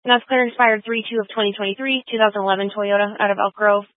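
A woman police dispatcher talking over a police radio in brisk, clipped codes. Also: medium pitch, steady tone, no echo. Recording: tinny, dry radio transmission.

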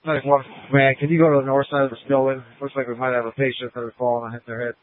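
A man's voice: medium pitch, level tone, rapid-fire, dry recording. Man giving terse orders over static-filled radio. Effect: two-way radio transmission with static bursts. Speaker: fire incident commander. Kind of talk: fireground radio traffic. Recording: tinny dry radio channel.

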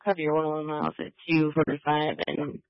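A man's voice: a little high, fast talker, dry recording. A man working as a police dispatcher, reading clipped, procedural calls and radio codes over a police radio transmission. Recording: muffled radio channel.

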